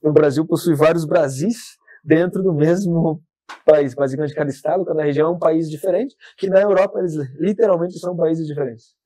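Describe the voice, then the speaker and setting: A man with a southern Brazilian accent chats as a podcast guest, telling stories in a lively, animated way. His voice sits a little high but sounds soft and mellow. The recording is dry and close. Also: brisk, no room sound. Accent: southern Brazilian Portuguese. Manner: talkative, animated storytelling. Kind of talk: casual interview chat.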